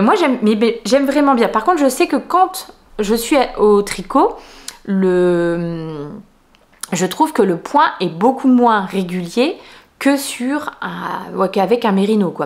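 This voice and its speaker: A woman hosting a knitting video podcast, talking casually at home with many fillers and restarts. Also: mid-range voice. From France. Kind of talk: casual chat.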